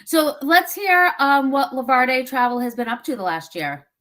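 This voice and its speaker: A woman with a Massachusetts accent hosting a casual video interview, upbeat and quick to affirm. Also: high voice, big pitch swings, sharp tone. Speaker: interviewer, host.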